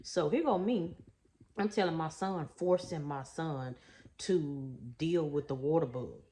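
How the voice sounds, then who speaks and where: Low-voiced woman telling a story. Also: a little slow, dark tone. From Houston, Texas. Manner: chatty, folksy, calls the viewers y'all and baby. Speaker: trauma coach. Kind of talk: story-time vlog talk.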